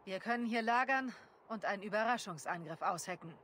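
A man voicing a calm, earnest Viking clan leader in a German game dub. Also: high-pitched, brisk, slight background noise.

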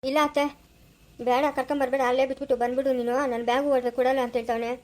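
A woman's voice: high voice, flat delivery, rapid-fire, a little mellow, lightly acted. A woman playing a torn young village husband who soothes and reassures, with a Chikkaballapur Kannada accent. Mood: soothing.

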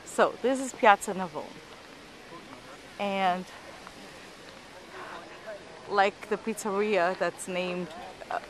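A woman's voice: mid-range voice, a bit bright, rough recording. A woman giving casual, unscripted travel narration with some hesitation, speaking from behind a handheld camera outdoors. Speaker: travel vlogger. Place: outdoors in a busy city piazza. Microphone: handheld camera, operator behind it. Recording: faint outdoor street noise.

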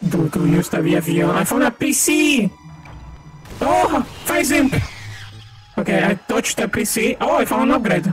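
A native Spanish speaker from Maracaibo, Venezuela, this man has a high, animated voice and talks at a normal speed. He's streaming a shooter game with a friend in casual co-op chatter, laughing a lot and calling out enemies. Loud game music plays in the background.

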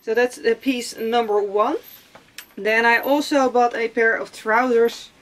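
With a fairly high voice and a steady tone, this young woman talks a little slowly through a casual haul vlog. She's at home in a cluttered attic room, chatting about her clothes and rambling a bit, full of fillers and repeated words.

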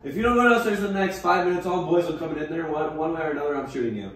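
A man's voice: on the high side, very fast, fairly bright tone, reverberant, distant mic. A young man in casual chat, joking and laughing, making playful threats. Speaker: vlogger.

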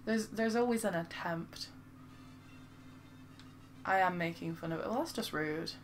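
A woman's voice: on the low side, a little slow, faint music behind. A woman with a Lancashire accent chatting casually on a game stream, self-mocking and reading viewers' comments aloud. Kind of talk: casual live-stream chat.

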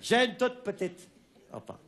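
A man tells jokes in a slow, halting way, restarting his lines and chuckling to himself. His voice sits a bit high and leaps up and down. He plays to a small audience. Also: big pitch swings, vocal fry, very noisy. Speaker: stand-up comic. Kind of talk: amateur comic monologue with jokes.

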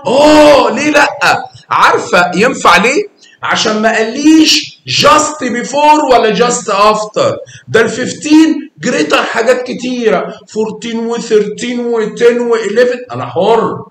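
A man's voice: extremely high pitch, unhurried, fairly bright tone, echoey room. A man with an Egyptian Arabic accent teaching math to young children, coaxing and quizzing them with praise.

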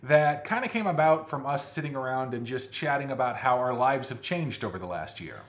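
A man's voice: medium pitch, lively intonation, a little fast. A man co-hosting a food vlog, chatting casually with jokes and rambling fillers. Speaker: vlog co-host. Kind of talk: casual chat. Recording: echoey room.

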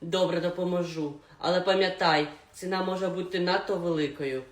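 A woman plays a cold female spirit who speaks slowly in a low, ominous voice. Her words hang in a roomy echo. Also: steady tone, lightly acted.

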